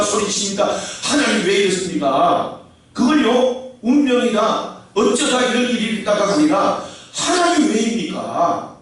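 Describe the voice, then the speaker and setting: A male pastor preaching an emphatic sermon, calling the congregation to answer amen. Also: high-pitched. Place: large echoey church sanctuary. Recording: very echoey hall, voice from far off the mic.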